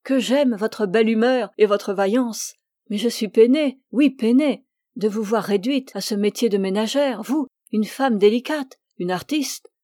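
A woman's voice: mid-range voice, steady tone, unhurried, hardly any pauses, dark tone, husky, dry recording, studio quality. A woman reading the part of a gallant man in an audiobook, speaking earnestly and with emphasis.

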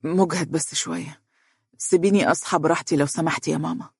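A man's voice: on the high side, fairly even intonation, fast talker, vocal fry, breathy edge, no echo, clean studio sound. The narrator voicing a tired, troubled young Egyptian man who speaks in a subdued way.

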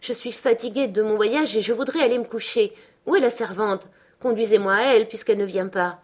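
A woman's voice: mid-range voice, expressive, moderate pace, lightly acted. A woman reading aloud as a weary, frightened young woman who asks anxious, pleading questions.

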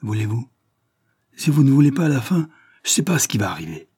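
A man reading aloud voices a blunt, lovesick peasant farmer who rolls his R and blurts his words out in rushes. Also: fairly low pitch, warm tone, slightly rough, no room sound, clean studio sound. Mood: agitated.

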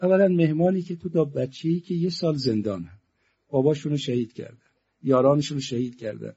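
A middle-aged man preaching a mourning sermon, telling a story that moves from hushed narration to loud, lamenting passages. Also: slightly rough, highs cut off. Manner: starts hushed, builds to loud, high-pitched lament.

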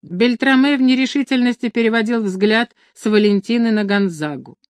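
A woman's voice: fairly high pitch, moderate pace, no echo, studio quality. Woman narrating a historical novel. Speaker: audiobook narrator. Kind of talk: scripted narration.

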